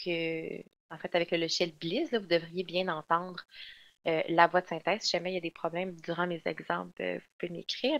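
Lower-pitched woman giving a webinar. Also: fairly bright tone. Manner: explanatory, with frequent fillers and restarts. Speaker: software trainer. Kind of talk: webinar presentation. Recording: dull lo-fi online webinar audio.

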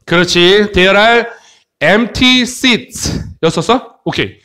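Animated, high-pitched man teaching. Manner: playful, jokey, switches between Korean explanation and slow English. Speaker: English tutor. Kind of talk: animated English lesson for children.

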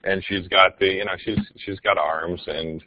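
A man's voice: low-pitched, steady tone, normal speed, highs cut off. A man, a teacher, giving a casual, enthusiastic webinar presentation with frequent ums.

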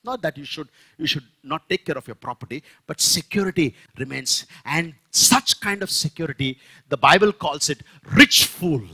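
A man with an Indian English accent preaching a sermon in church, emphatic and at times rising almost to a shout. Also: on the high side, moderate pace, breathy edge.

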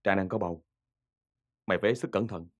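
A man's voice: low-pitched, fast. An actor playing a blunt male drinking buddy with a Southern Vietnamese accent, giving advice. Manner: blunt, advising.

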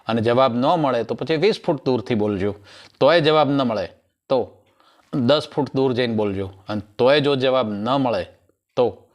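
A male comedian, telling jokes in a rustic storyteller manner and acting out each character. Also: mid-range voice. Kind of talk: stand-up joke telling.

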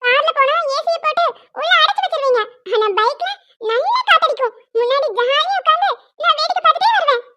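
A woman's voice: very high-pitched, lively intonation, quick pace, sharp tone, full character voice. A woman voicing a stubborn, cheerful little girl in a cartoon, whiny and pleading. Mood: eager. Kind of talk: cartoon voice acting.

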